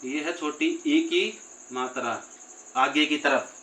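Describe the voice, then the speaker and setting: A man teaching grammar at a slow, unhurried pace, his voice bright and a little high for a man. He repeats each sound patiently and stretches the long vowels out, talking to his listeners as friends. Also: slight background noise, poor audio. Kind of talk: Hindi grammar lesson.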